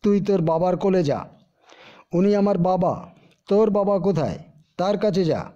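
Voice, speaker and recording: A man's voice: sits high, animated, a little slow, warm tone. A man voicing a jealous boy who taunts another child, in a dull lo-fi recording. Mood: taunting.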